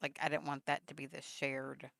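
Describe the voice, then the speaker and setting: Rambling through a story with plenty of fillers, this vlogger acts out remembered text messages. She has a low, creaky, fairly bright voice with little pitch movement at normal speed, and there's no room sound.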